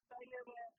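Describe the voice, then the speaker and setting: A woman answering a government hotline in a polite, scripted phone manner. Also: background noise. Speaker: hotline operator and automated phone messages. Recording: tinny phone line.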